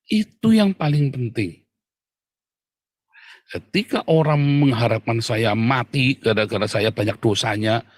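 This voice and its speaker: A man preaching a sermon in a lively way, often turning to address the congregation directly. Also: medium pitch, no echo, clean studio sound. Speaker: pastor.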